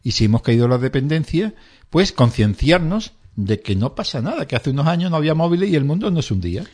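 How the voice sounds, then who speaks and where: A man's voice: on the high side, very animated, fast, a little mellow. A middle-aged man talking as a doctor on a radio health segment. He explains things plainly with homely examples and acts out what patients say.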